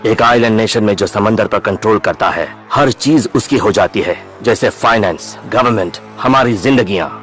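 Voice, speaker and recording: An actor dubbing a grave, worried old bridge builder in an anime, explaining at length. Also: male voice, lowish voice, moderate pace, few pauses, a bit bright, faint music behind, lightly acted. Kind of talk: anime dub acting.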